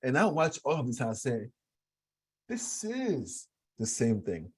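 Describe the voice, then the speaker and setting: A man's voice: mid-range voice, huge pitch swings, a little slow, slightly rough. A man from Cameroon speaking as a guest, earnest and emphatic, often repeating his phrases. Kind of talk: conversational talk.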